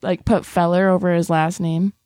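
A woman chatting casually on a podcast, tossing in quick asides. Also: on the low side, little pitch movement, a little mellow, clear, resonant tone, no room sound, clean studio sound. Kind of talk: casual chat.

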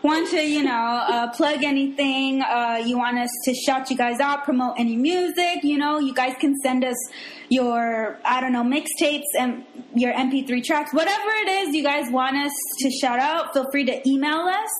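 A woman's voice: high voice, moderate pace, roomy sound. A woman co-hosting a casual podcast, laughing often and swearing casually. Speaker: podcast co-host.

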